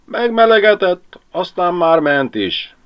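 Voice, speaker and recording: A man's voice: high-pitched, very animated, voice pushed up. A man voicing a sly, sleepy village man with a mocking, yawning drawl in a lo-fi audiobook reading. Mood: gloating.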